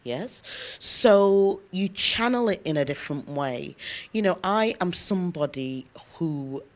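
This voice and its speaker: A woman lecturer answering interview questions in an earnest, emphatic way, often pausing with "um" as she thinks aloud. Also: lowish voice, expressive. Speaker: interview guest, university lecturer.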